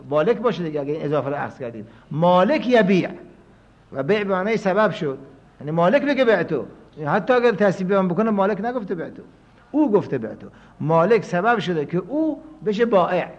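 Man lecturing on dull lo-fi audio. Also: on the high side. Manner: reasoning aloud, shifting between quiet and emphatic. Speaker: seminary teacher. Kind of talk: scholarly jurisprudence lecture.

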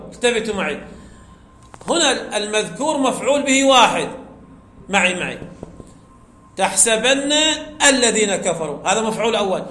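A man teaching a grammar lesson, speaking slowly and deliberately, repeating key words and chanting the verses he quotes. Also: high-pitched, bright, forceful tone. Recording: echoey room with faint background hum.

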